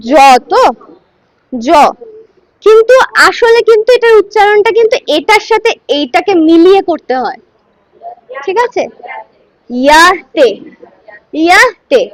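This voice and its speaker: A woman's voice: extremely high pitch, animated, unhurried, long pauses, no room sound, low-quality recording. A woman teaching Sanskrit verse pronunciation syllable by syllable, coaxing her students to repeat after her. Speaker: Gita recitation teacher. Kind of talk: line-by-line Sanskrit pronunciation lesson.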